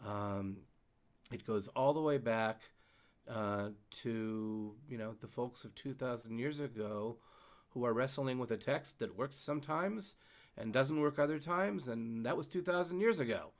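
A man's voice: mid-range voice, a little slow. A man leading a discussion, telling a story in a thoughtful, casual way with many fillers. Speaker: discussion leader. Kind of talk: casual teaching on a video call.

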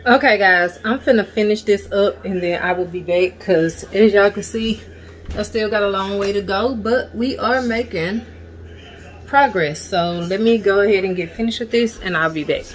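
A woman's voice: mid-range voice, normal speed. A woman in her thirties chatting casually in a home vlog while she cleans and organizes her kitchen, rambling and often saying "so yeah", picked up by a camera on a tripod across the room. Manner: relaxed, rambling, repeats "so yeah". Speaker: vlogger.

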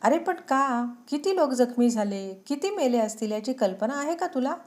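A woman voicing a betrayed young woman in a storybook reading, speaking high and accusing. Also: lively intonation, moderate pace, darkish tone. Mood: furious.

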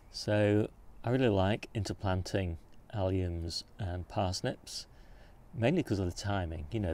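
A gardening channel host strolls through his back garden filming on a handheld phone, explaining his beds and plants. His voice is low and creaky, with a little hiss or hum, and his manner is relaxed and informative as he points things out.

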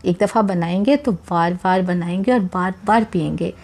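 A woman with a lowish voice narrates a recipe at a moderate pace for her cooking channel, heard in voice-over without being seen. Warm and chatty, she speaks directly to viewers with encouragement and keeps repeating religious blessings as she cooks.

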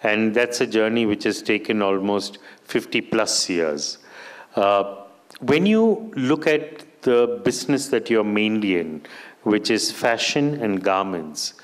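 Guy moderating a panel on a big conference stage, long winding questions. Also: mid-range voice. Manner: long, structured questions with filler phrases. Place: conference stage in a large hall.

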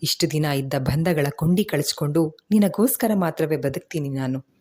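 This is a young bride close to tears, quietly resentful and talking to herself. A woman reads her part in a storybook, low and husky, with a dark, mellow tone. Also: moderate pace. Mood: pleading. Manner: quiet, bitter inner monologue.

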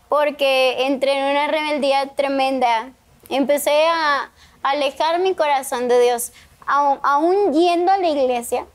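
A young woman, an interview guest, giving an earnest and emotional personal faith testimony in a TV studio. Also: sits high.

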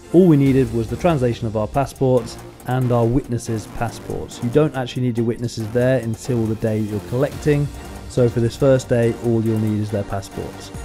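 A man narrates a travel vlog in voice-over, recapping what happened in a calm, matter-of-fact way. His pitch is medium for a man. Music runs underneath.

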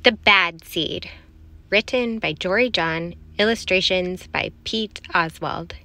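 A woman reading a children's picture book aloud, telling it expressively and dropping into hushed whispers for asides. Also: on the low side, slow pace.

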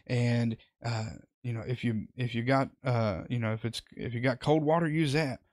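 A man's voice: medium pitch, fairly even intonation, moderate pace, darkish tone, no room sound. A man hosting a live, unscripted Bible study, rambling with many fillers and restarts as he comments on scripture.

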